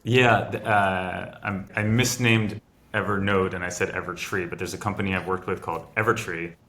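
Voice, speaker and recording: On a casual video interview, a middle-aged French biotech founder appears as a guest, walking through a long process step by step and restarting as he goes. His voice is low and a bit bright, with fairly even intonation and a normal speaking speed.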